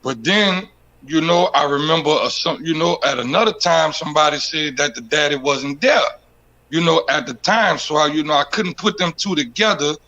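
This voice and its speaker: A man's voice: on the high side, normal speed, bright, forceful tone, rough recording. A man calling in with a question, hesitant and searching for words. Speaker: caller.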